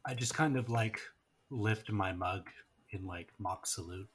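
A man in a tabletop role-playing game talks hesitantly, filling gaps with ums and uhs. His voice is low-pitched and a bit husky. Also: unhurried. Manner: hesitant, with many fillers. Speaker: player. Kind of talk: casual tabletop game chat.

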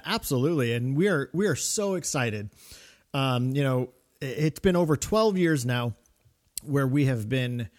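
A man's voice: medium pitch, a little mellow. A man co-hosting a fan podcast in a casual, chatty style. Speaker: podcast co-host.

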